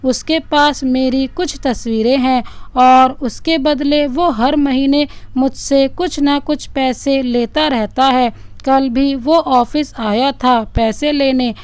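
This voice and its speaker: Woman doing a young girl pleading through tears, high and smooth, slow. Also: darkish tone, dry recording. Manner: pleading, confessional. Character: young woman, tearful pleading sister-in-law.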